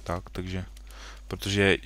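A young man talks his way through a game at his home computer in a slightly low voice. He rambles and restarts his sentences and tosses off playful asides to the characters on screen. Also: level tone, a bit bright. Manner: rambling, self-correcting, jokey asides to the game. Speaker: gaming video host. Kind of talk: casual Minecraft let's play commentary.

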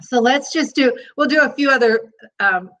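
A woman teaching laughter yoga in an interview, explaining calmly and bursting into demonstration laughs, speaking over a video call. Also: sits high, moderate pace, slight background noise, rough recording.

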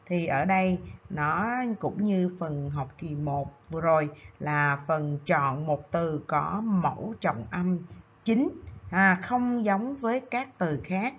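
A woman teacher with a low, husky voice talks her pupils through a revision lesson, pausing often on drawn-out fillers. The recording sounds dull and lo-fi. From Vietnam. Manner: explains step by step with many "à" fillers and tag "ha". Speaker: secondary school English teacher.

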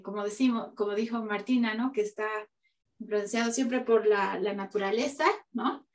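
A young woman presenting her artwork on a video call, hesitant, with many fillers and restarts. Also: medium pitch. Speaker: exhibiting artist. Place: home room. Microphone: video call, camera a few feet away.

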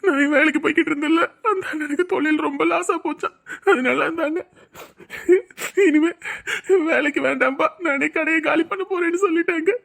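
A despairing young husband. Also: female voice, high voice, steady tone, brisk, creaky, a bit bright. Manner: tearful, self-pitying, pleading. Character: young husband in despair over lost work. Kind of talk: TV serial acting.

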